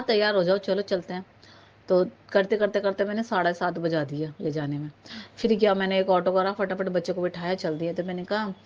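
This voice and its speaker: A woman's voice: lowish voice, darkish tone. A woman from Uttar Pradesh telling a personal devotional story to a congregation, rambling, with many fillers and restarts. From Uttar Pradesh, India. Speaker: devotee sharing a testimony. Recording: slightly dull home phone recording.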